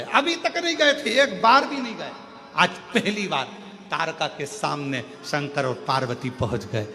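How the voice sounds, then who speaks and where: A man preacher telling a scripture story to a gathering, animated with emphatic rising calls. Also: high voice. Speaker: kathavachak preacher. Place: large religious gathering venue. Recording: long hall reverb, faint music.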